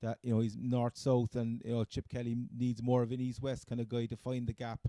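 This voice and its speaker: Male podcast co-host, Cork accent, very soft mellow tone, close dry sound, halting casual sports chat. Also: medium pitch, monotone, dry recording. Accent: Cork, Irish. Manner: halting, hesitant phrasing.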